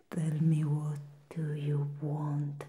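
A woman acts out a seductive she-devil in an ASMR role-play. The demonic soft voice is very slow, soft and dark, low-pitched and breathy. She coaxes and teases like a temptress luring a human. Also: completely flat delivery. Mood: teasing, flattering.

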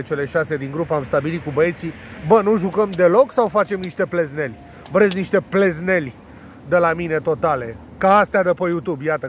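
A high-voiced man, nasal and congested with a cold, rambles through his betting picks with crude jokes, swearing and playful made-up words. He is recorded outdoors, with faint city traffic noise behind him. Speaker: sports betting tipster. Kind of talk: casual monologue presenting betting tips.

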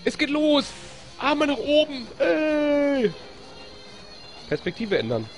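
Giddy German let's-play gamer, lively pitch. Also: slow, soft background music. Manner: giddy, cheers and laughs often, complains when stuck. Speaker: live-stream gamer. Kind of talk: excitable let's-play commentary.

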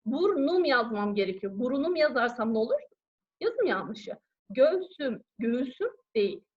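Lively woman teacher, dull recording. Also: a little high, moderate pace. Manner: explains patiently, often asks and answers her own questions; keeps calling out to her pupils. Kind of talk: online grammar lesson for schoolchildren.

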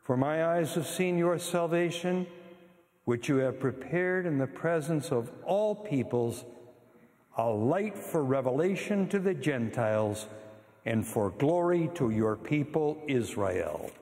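A man serving as priest, reading the Gospel and preaching at Mass in a measured, solemn way, with a long church reverb. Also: a little high, animated, darkish tone. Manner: measured, solemn liturgical delivery.

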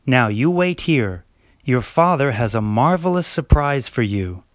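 A man playing a scheming, sly male lion in an amateur stage play, speaking in a smooth, mocking, mannered way. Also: medium pitch, animated, a little slow, dry recording, clean studio sound, lightly acted.

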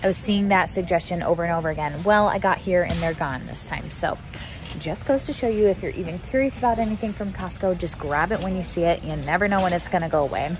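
A young adult American woman chats casually and informally to viewers like a shopping vlogger inside a large warehouse store. Her voice is lowish and quick, heard over music and the store's noisy background hum.

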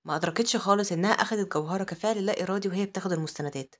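Egyptian woman rushing thru a story recap, mid pitch, chatty asides. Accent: Egyptian Arabic. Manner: rapid, breathless storytelling with asides. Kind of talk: comic-story recap narration.

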